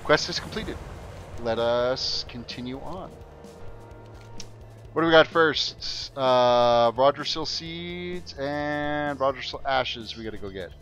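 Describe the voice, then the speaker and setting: A man's voice: mid-range voice, slow pace, a bit bright, dull audio, faint music behind. A man chatting casually as a game streamer into a headset mic, laid-back and full of filler ums. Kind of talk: casual livestream chat while gaming. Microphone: headset mic on a livestream.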